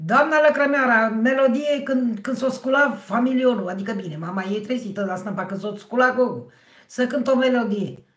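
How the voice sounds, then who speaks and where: A middle-aged woman with a hoarse, husky voice, hosting a livestream and chatting with her viewers by name. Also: a little high, a bit bright. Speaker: livestream host. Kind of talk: casual livestream chat with viewers. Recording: roomy, echoey sound.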